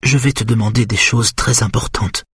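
Brief: man doing a raised, husky voice for a desperate mother pleading with questions in an audiobook; dry read. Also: mid-range voice, steady tone, moderate pace, a bit bright, no echo, voice pushed up. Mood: urgent pleading. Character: anxious middle-aged mother pleading at a bedside.

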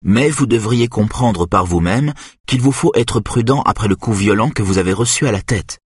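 A man reading an audiobook, voicing a calm young doctor giving a measured warning. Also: lowish voice, breathy edge, no echo, clean studio sound, voice pushed up.

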